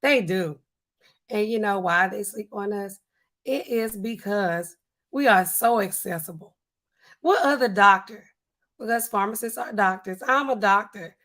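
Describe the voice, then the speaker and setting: On her livestream, a pharmacist streamer with a hoarse, husky, weak voice reads through comments in a casual chat. She's lively, though she slows down and lowers her voice to come across as stern, all from a home studio lit by a neon sign.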